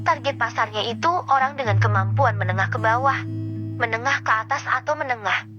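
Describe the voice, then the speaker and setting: A polite, clever young office boy who explains things calmly and patiently, voiced by a woman reading the story. Her voice stays a little high, on a dull, lo-fi recording with guitar playing behind. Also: fairly quick, lightly acted.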